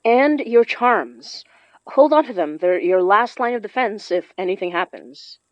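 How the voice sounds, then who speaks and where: A woman plays a determined, informal young spirit summoner in a horror audio drama, with a self-possessed, casual tone and a serious mood. Her medium-pitched voice is expressive and unhurried, close to everyday speech, with no echo. The studio sound is dry and slightly dull.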